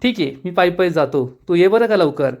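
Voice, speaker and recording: A man reading out the lines of a gentle, resigned young village man in a soap recap. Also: high-pitched, animated, fairly quick.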